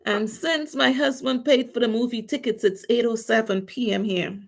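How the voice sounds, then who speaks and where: Her voice is fairly high and creaky, with fairly even intonation at a normal speed. She's a nail technician vlogger from Trinidad and Tobago who, in her Trinidadian accent, chats casually with livestream viewers as she does her nails.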